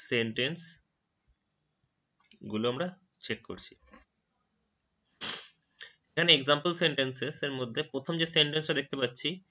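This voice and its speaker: Bright-voiced man teaching English words. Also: medium pitch, muffled recording. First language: Bengali. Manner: explains patiently, repeats words slowly after a dictionary audio. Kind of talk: screen-recorded tutorial narration.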